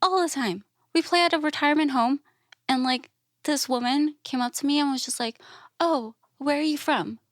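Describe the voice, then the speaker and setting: A classical musician and educator from Thailand chats informally as a podcast guest, storytelling outspokenly with many "like"s and acted-out quotes. Her voice is high-pitched at a moderate pace, in a dry, studio-quality recording.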